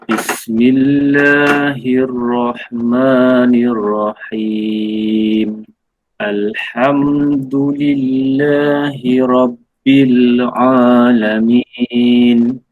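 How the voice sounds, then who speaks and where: A man's voice: mid-range voice, little pitch movement, drawn-out words. A man with a Malaysian Malay accent reciting carefully as a student in an online class. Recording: tinny phone-like call audio.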